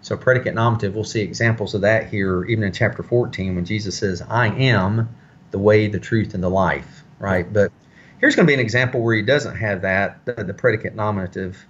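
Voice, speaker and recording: A man teaching a Bible study in a conversational way, explaining passages with frequent pauses and fillers. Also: lowish voice, lo-fi sound.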